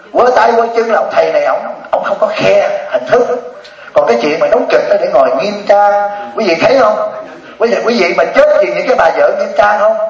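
A man giving a humorous Buddhist dharma talk to an audience, laughing often and asking them questions. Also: on the high side. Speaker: Buddhist monk teacher. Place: hall before an audience. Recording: echoey distant lo-fi hall recording.

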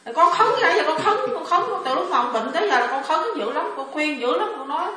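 A woman haltingly recounting a personal experience, repeating words as she searches for them. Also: high voice, expressive, over a noisy crowd. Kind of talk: emotional personal testimony. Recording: echoey room, far from mic.

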